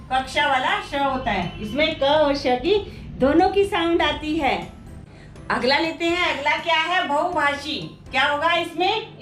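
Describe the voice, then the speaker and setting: A high, bright-voiced woman teaches at a slow, careful pace, repeating each word so students can follow. Her voice rings in an echoey room with faint music underneath. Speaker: Hindi teacher. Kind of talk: explaining a grammar exercise.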